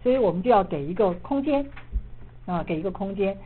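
A middle-aged woman, an assistant pastor, preaching and telling a personal story in a lively way, dotting her speech with filler particles. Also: medium pitch, fairly quick. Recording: muffled phone-like audio with faint noise.

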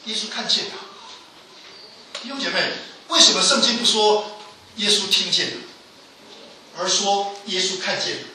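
A man preaching a sermon with emphatic delivery, his voice rising to loud pleas and falling low again. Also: normal speed, pauses often, slight background noise. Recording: echoey hall from a distance.

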